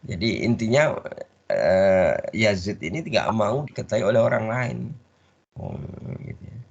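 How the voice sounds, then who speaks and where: A man teaching a religious study class. He pauses mid-word so the audience can finish it. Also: on the low side, animated, gravelly. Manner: call-and-response, leaves words half-said for the audience to finish. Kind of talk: Islamic study lecture. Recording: dull lo-fi recording.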